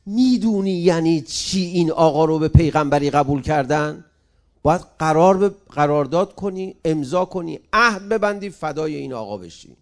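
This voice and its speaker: Gravelly-voiced male preacher. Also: fairly high pitch, expressive. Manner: emphatic, addresses the congregation directly. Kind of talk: sermon with mourning recitation.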